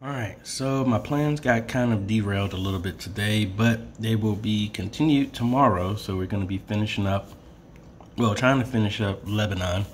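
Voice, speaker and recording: A man with a fairly low voice talks casually as a vlogger. The sound is roomy and echoing, with a little background noise. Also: moderate pace. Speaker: vlogger who installs church streaming gear. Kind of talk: casual vlog talk.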